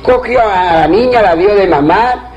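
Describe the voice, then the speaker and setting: A man's voice: sits high, animated, unhurried, darkish tone. A man telling a traditional folktale aloud in a repetitive, rhythmic way, on a dull lo-fi recording. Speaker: storyteller.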